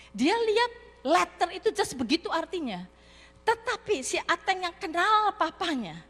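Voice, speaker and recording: A woman preacher giving a sermon, telling a story and speaking directly to the congregation in an animated manner. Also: sits high. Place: church hall. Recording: reverberant church hall.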